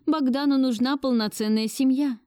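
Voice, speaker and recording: A domineering elderly grandmother, imperious and shrill, acted by a woman reading an audiobook. Her voice sits high and cutting, recorded dry and close with no room around it. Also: moderate pace, dark tone, no room sound, natural voice.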